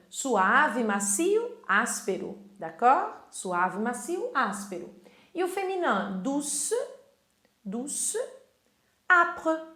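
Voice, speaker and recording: A woman teaching French vocabulary, modeling words slowly and checking in with short tag questions. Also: fairly high pitch, pushed and bright, echoey room. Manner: slow, careful French pronunciation drills, then tag questions. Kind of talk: vocabulary lesson in Portuguese.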